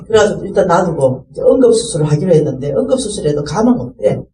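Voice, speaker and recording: Middle-aged woman, animated church testimony with a warm, dark tone; distant mic in a reverberant hall. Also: on the low side, fast talker. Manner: lively storyteller, acts out voices, laughs as she speaks. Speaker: ministry staff speaker.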